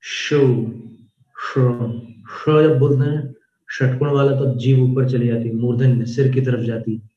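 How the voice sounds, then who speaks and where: A man teaching a devotional Jain hymn, spelling out sounds slowly and carefully, then chanting verses in a rising melody. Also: mid-range voice, fairly even intonation, mellow. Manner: slow, careful pronunciation drills. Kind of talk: devotional recitation lesson. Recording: roomy, dull lo-fi audio.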